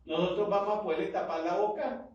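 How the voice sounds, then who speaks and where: A male pastor with a Colombian Spanish accent preaches with mounting fervor, using call-and-response. His voice sits high, brisk and darkish, though the muffled recording places him far off in an echoey hall.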